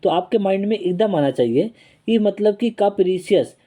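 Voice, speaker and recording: Man with a slightly high voice, casual exam vocab teacher, chatty and self-deprecating, close mic. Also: lively intonation, normal speed, dark tone. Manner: chatty, repeats key words and checks in with "okay?"; self-deprecating while drawing on screen. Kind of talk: casual Hindi-English exam lesson with mnemonics.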